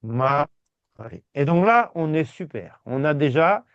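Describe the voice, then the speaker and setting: A man teaching a language class, reassuring his students and repeating words slowly. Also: on the high side, big pitch swings, no room sound. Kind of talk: patient step-by-step class. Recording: dull, dry sound.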